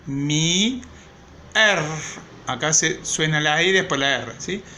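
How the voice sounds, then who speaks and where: A young woman with an Argentine accent, a primary school teacher giving a playful lesson to children at home. She talks in a clear, slow way and stretches words as she teaches. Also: deep voice, bright, forceful tone, slight background noise. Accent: Rioplatense Argentine Spanish.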